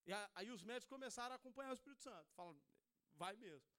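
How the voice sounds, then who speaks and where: A young man from Brazil, giving a sermon testimony in a church. His voice sits high and he talks fast. He tells the story casually, full of everyday slang. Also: expressive, pushed and bright. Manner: casual storytelling, says "velho" and "cara" often. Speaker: preacher.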